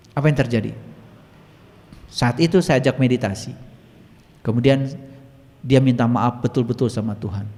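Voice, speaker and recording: A man delivers a spiritual teaching talk as a dramatic storyteller. He swings from loud, high bursts to quiet, low asides, his voice sitting in an ordinary middle pitch. A long reverb trails his words, as if he is speaking in a large hall. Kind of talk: teaching talk told through stories.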